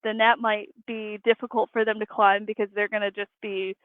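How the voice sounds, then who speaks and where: A woman's voice: medium pitch, flat delivery, a little fast, dry recording. A woman arborist answering interview questions, explaining in a matter-of-fact way over remote call audio. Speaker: arborist guest. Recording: tinny dry phone-like line.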